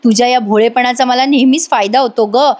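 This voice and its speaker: This is a scheming young woman who sounds sweet and pleading on the surface, as a woman reviewer acts her out. The voice sits high. Her lines come from a serial retold in a review. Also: steady tone, a little fast, a little mellow, close to an everyday voice.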